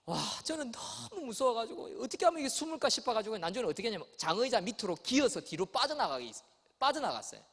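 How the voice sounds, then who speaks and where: A man's voice: very high-pitched, big pitch swings, quick pace, fairly bright tone, husky. A male pastor telling a childhood story in his sermon, acting out voices. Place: church sanctuary. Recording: long church hall reverb.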